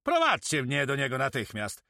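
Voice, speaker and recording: A man's voice: medium pitch, wildly swooping pitch, normal speed, vocal fry, pushed and bright, no echo, pitched above the performer's own voice, full character voice. A man voicing an impatient, haughty young nobleman in an audiobook, demanding and indignant.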